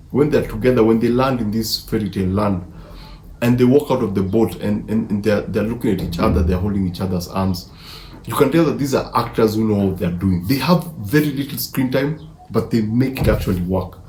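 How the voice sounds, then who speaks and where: Recorded in an echoey space with faint background noise, a male film reviewer from Africa talks through a movie in a casual way. His mid-range voice is a little mellow, and his eager, emphatic delivery includes words repeated mid-sentence.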